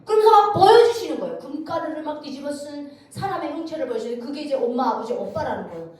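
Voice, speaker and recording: A woman from North Korea giving a church testimony, telling her story in a lively way and acting out the voices she quotes. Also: high voice, quick pace. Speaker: guest speaker giving testimony. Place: church sanctuary. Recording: echoey church hall, distant mic, faint noise.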